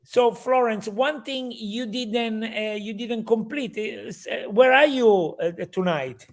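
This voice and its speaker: Italian guy hosting an interview, high voice, gushing, lots of ums. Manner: effusive, halting with fillers. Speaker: host. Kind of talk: live interview.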